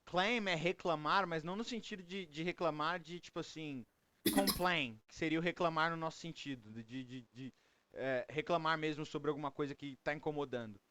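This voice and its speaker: A man's voice: on the high side, moderate pace, sharp tone, dry recording. A Brazilian man teaching English to a group in Portuguese, often checking in with "ok?" as he explains. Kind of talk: online English class.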